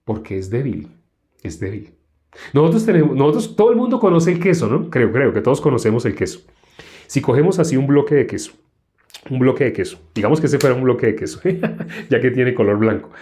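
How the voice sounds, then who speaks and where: A man preaching a sermon, asking rhetorical questions and acting out quoted voices with big jumps in pitch. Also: lively intonation, fast, mellow.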